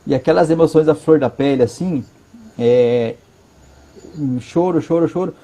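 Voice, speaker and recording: A man with a Brazilian Portuguese accent giving an earnest personal testimony from his living room, halting and repeating words for emphasis. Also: fairly high pitch, mellow. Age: adult, father of a five-year-old. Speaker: interview guest.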